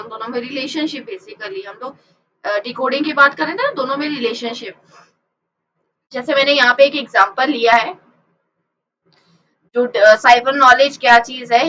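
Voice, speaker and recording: High, bright-voiced woman teaching a lecture. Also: poor audio. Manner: explanatory, asks and answers her own questions; mixes English terms into her explanation. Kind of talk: explaining a lecture from slides.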